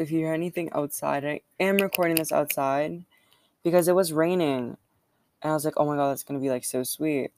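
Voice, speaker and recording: A woman's voice: deep voice, darkish tone, no echo. A young adult woman hosting a podcast in casual chat, rambling with constant fillers, recorded outdoors on a built-in computer microphone. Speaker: podcast host.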